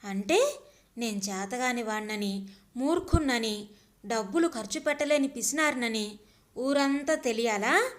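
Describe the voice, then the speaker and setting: A woman's voice: fairly high pitch, animated, a little slow, long pauses. Ravi, a woman doing a sneering husband. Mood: scolding. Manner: sneering, scolding. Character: scornful husband, a clerk, mocking his wife.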